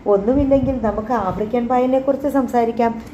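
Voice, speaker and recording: A sharp-tongued, lonely young wife speaks in quick, cutting remarks, read by a woman narrating an audiobook. The tone is mellow and soft-edged. The recording sounds roomy and a little dull. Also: fairly high pitch, slight background noise, close to an everyday voice.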